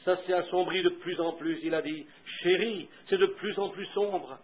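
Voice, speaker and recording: A high-pitched man preaches a sermon, moving from quiet storytelling to fervent, loud appeals. The old recording is thin and tinny, as if heard over a phone line. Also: normal speed. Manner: fervent, swings from hushed to loud.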